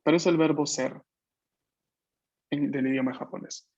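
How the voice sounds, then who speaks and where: A man's voice: a little high, steady tone, moderate pace, darkish tone, muffled recording. A man teaching a Japanese class online, explaining patiently and checking that his students follow. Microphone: video call.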